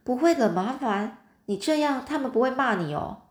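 A woman voicing a curious, lively twelve-year-old girl in a storybook reading, recorded in a roomy space. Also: sits high, moderate pace, pitched above the performer's own voice. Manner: lively, inquisitive, a little cheeky.

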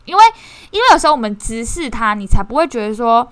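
Bright, self-mocking young woman. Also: fairly high pitch, fast talker, no echo. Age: 20s. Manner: animated, self-mocking, frequent restarts and bursts of laughter. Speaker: course participant sharing reflections. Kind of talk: casual spoken sharing.

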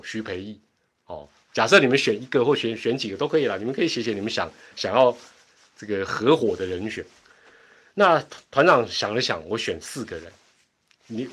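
This livestream host, a middle-aged man with a Taiwanese accent, has a mid-range voice that is fairly bright and slightly rough. Broadcasting casually from a home internet setup, he chats in a rambling way and laughs often during his asides.

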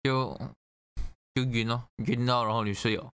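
Bright crisp-voiced man telling a story. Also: medium pitch, normal speed, dry recording. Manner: animated storytelling, swears freely. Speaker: guest sharing a story. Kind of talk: casual chat.

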